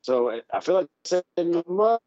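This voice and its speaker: A man's voice: a little high, sing-song, a loud crowd. Man calling in on bluetooth headset. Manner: halting, filler-heavy, says "man" a lot. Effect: bluetooth headset mic cutting in and out. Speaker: caller. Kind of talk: casual call-in fight talk. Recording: muffled dry bluetooth call audio.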